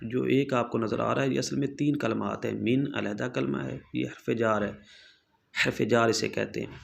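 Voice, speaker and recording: Male recitation teacher, patient and repetitive, gravelly tone, faint hiss behind. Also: mid-range voice, fairly even intonation. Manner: patient, repetitive, checks in often with the students; slowly demonstrates pronunciations. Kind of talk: explanatory tajweed lesson.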